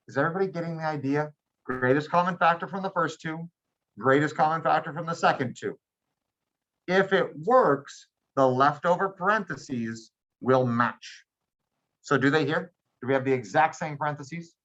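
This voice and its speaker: A man's voice: fairly high pitch, a bit bright. Male teacher, classroom lecture, patient and step by step, slightly dull lo-fi sound. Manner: checks in with students often, patient and plain. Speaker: math teacher.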